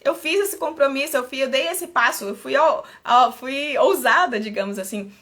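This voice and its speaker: Earnest high-voiced woman. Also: moderate pace, a bit bright. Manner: earnest, personal, repeats herself, restarts phrases. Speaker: mentor hosting a live stream. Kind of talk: motivational live-stream talk.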